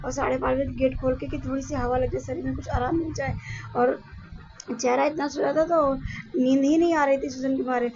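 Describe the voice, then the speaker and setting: A woman's voice: high-pitched, steady tone, normal speed, a little mellow, muffled recording. A woman with a Lucknow Hindi accent, talking casually to her viewers in a rambling, repetitive way while weak and in pain. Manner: rambling, repeats herself, tired and weak. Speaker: vlogger. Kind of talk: casual vlog talk to viewers.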